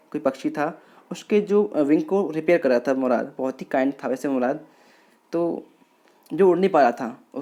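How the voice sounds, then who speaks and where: A man's voice: mid-range voice, dark tone. A male lecturer retelling a story for students, explaining it with everyday examples and checking whether they follow. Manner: retells characters' lines in plain narration.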